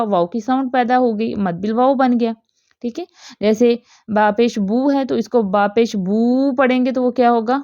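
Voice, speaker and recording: A woman's voice: fairly high pitch, darkish tone, dry recording, highs cut off. A woman teaching Quran recitation, asking questions and answering them herself, with many repeated examples. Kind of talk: tajweed lesson.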